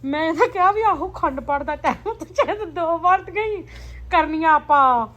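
A middle-aged woman with an Indian Punjabi accent, telling family stories casually in an animated, exclamatory way. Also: very high voice, normal speed, highs cut off. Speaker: mother in a family vlog. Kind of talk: casual family chat and storytelling. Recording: noisy home recording with ambient sound.

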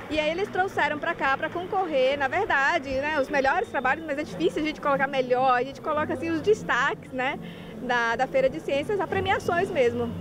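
Woman in her 40s, casual coordinator, high voice, clear outdoor noise. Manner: casual, with fillers and restarts. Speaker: event coordinator. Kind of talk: interview at a science fair. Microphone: handheld reporter mic. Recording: crowd and traffic noise outdoors.

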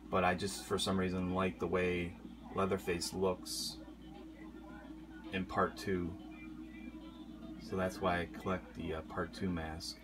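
Slow and low, with long pauses, a man loosely describes his collectible horror mask in a casual vlog. He fills his speech with ums and uhs, sounding at ease, while music plays clearly behind him in a room hung with horror posters.

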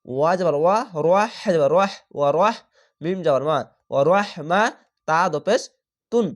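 A man teaching Quran reading who spells each word out slowly, syllable by syllable, then chants the whole word, and explains the rules patiently. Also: sits high, animated. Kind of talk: spelling-out Quran recitation lesson.

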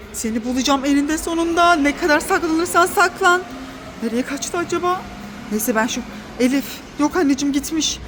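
A mother filming a family vlog with her children around a car, talking in an animated, excitable way and shouting urgently during pretend chase games. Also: high-pitched, noisy background. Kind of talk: family vlog play-acting with kids.

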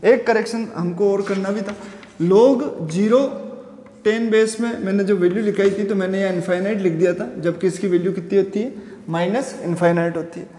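Physics teacher, man, high voice, asks the class questions as he explains, roomy reverb. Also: fairly even intonation, mellow. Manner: explains step by step with questions to students; chants Sanskrit verses slowly. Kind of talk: classroom lecture.

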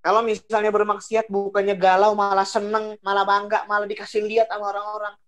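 A woman's voice: mid-range voice, monotone, fairly quick. A woman giving a casual religious talk. She repeats phrases for emphasis and swings her delivery expressively. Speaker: religious speaker.

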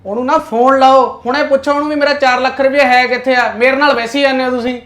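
A man's voice: high voice, steady tone, natural voice. An actor playing an aggrieved businessman demanding his advance back, speaking insistently with a Punjabi accent. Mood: furious. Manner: insistent, quick to anger. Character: aggrieved male businessman, hot-tempered creditor. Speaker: client owed an order. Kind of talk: web drama acting.

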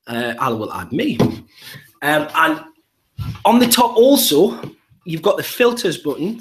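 A man with a Geordie accent, a primary school teacher, walking through an app demo step by step in an upbeat way. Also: fairly high pitch. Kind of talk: live app demonstration.

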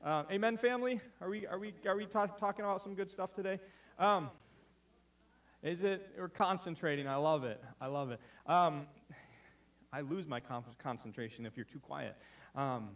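Male pastor, casual sermon delivery, frequent restarts; slightly high voice, mic set back from him. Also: moderate pace, recorded from a distance. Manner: chatty, self-deprecating, stumbles and restarts often. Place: church sanctuary.

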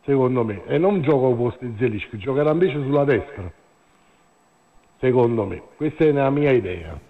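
A man comes through a narrow, tinny phone line as a caller on a live show. He talks in halting bursts, repeats himself and fills gaps with "eh". The line sounds thin and lo-fi, like a mobile phone call. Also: mid-range voice, lively intonation. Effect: heard over a phone line. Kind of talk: phone-in chat about football. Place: calling in to a live radio show.

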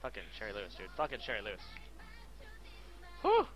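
A man streaming a game live, chatting casually, bossing his viewers around with excitable, profane outbursts. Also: lowish voice, fairly quick, soft background music.

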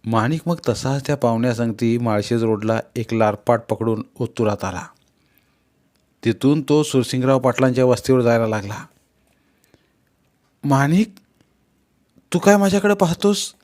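A man narrating a novel in a steady storytelling delivery. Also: medium pitch, normal speed. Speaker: audiobook narrator. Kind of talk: novel reading.

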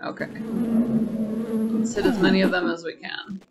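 A woman's voice: fairly high pitch, steady tone, unhurried, loud music behind the voice. A woman chatting through a video game as its streamer, playful and wry, often exclaiming.

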